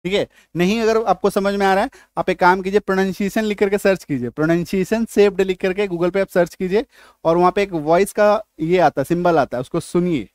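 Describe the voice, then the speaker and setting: An English teacher with a fairly high but darkish voice gives a pronunciation lesson, slowly spelling words out letter by letter. He keeps questioning his class, and the recording is dry and close with no room sound.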